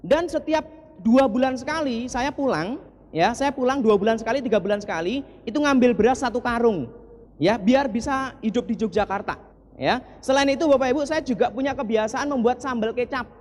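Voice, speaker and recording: A man's voice: very high-pitched, lively intonation, fairly quick. Man in his 40s from east java, telling his life story earnestly to a crowd, big reverby hall. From East Java, Indonesia. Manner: earnest, often turns to the audience with short asides. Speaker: motivational speaker. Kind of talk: personal story told to an audience.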